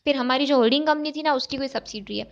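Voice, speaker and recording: A woman's voice: high-pitched, racing. A woman chartered accountancy tutor, explaining step by step in a recorded exam-prep lecture. She poses questions and then answers them, and often checks in with "okay". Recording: dull, lo-fi recording.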